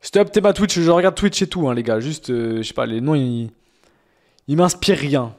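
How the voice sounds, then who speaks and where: A man's voice: medium pitch, animated, moderate pace, a little mellow. A young man streaming, reacting to fan-sent rap songs in casual, slangy talk with mocking, exaggerated complaints.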